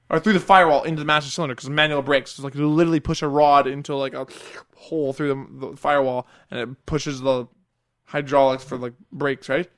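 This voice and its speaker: A young man telling a rambling, animated story in casual chat, swearing freely and laughing through it. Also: on the high side.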